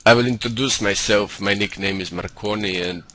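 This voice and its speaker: A man's voice: on the low side, moderate pace, sharp tone. A man putting on a Russian accent for comic effect, commentating on a video game in a cocky, condescending manner. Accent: put-on Russian. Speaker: StarCraft game caster and streamer. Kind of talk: live-style game commentary. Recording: home computer mic with faint noise.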